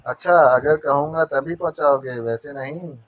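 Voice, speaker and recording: A man's voice: on the high side, moderate pace, natural voice. Man doing a teasing, joking male spy. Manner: silly teasing wordplay. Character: mocking male spy joking with his captive. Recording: dull dry narration recording.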